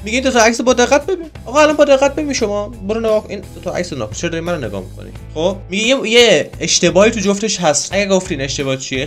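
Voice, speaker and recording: A man narrates his reactions to a puzzle video in a fairly high, very animated voice. He brags in fun and mocks himself, breaking into excited shouts. Soft music plays underneath. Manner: mock-boastful, joking and self-teasing; excitable outbursts. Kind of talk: casual reaction commentary.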